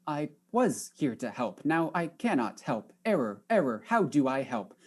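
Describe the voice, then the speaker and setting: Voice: mid-range voice, big pitch swings, a little slow, heavy background noise. An actor voicing a glitching AI assistant program that talks in a stiff, literal way and falls into error loops. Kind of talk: audio drama acting.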